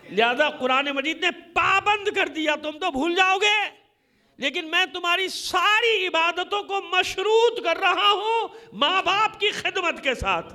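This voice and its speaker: His voice extremely high, pushed and bright, a man from Pakistan preaches a Shia sermon to a gathering in a congregation hall. The delivery is impassioned, emphatic and repetitive, with rhetorical questions throughout.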